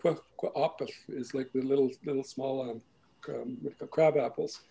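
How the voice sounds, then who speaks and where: A man giving a slow, patient explanation of his people's dialects and lands, often checking in with the listener. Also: mid-range voice, steady tone, creaky, dark tone, rough recording. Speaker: language and culture speaker. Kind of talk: explanatory talk.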